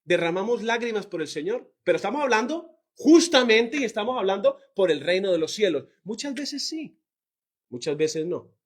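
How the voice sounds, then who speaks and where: A man's voice: high-pitched, a little fast, few pauses. A man preaching a sermon to his congregation, asking them questions and drawing out key words. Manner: lively, stretching out key words. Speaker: pastor.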